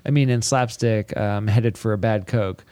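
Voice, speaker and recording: A man co-hosting a podcast, chatting casually about an album with relaxed jokes and halting fillers. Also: lowish voice, no echo. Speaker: podcast co-host. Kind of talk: casual music review chat.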